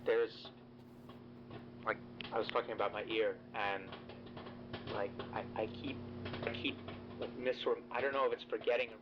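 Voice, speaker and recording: A man's voice: lowish voice, flat delivery, muffled recording, background noise. A man voicing a stammering anxious man, bitcrushed. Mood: hesitant. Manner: halting, stammering, repeats words.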